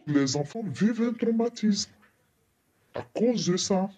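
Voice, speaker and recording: A worried mother from the neighbourhood, interviewed for a news report, her voice disguised with a pitch-shifting voice changer. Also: animated, slow, lo-fi sound, a crowd in the background. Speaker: local resident and mother.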